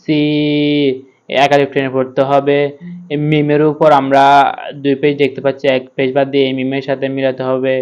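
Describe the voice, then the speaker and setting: Man, Quran reading teacher, spells out letters one by one, smooth clear voice, flat even tone. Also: medium pitch, muffled recording. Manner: spells out letters slowly, then chants the word. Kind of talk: step-by-step recitation lesson.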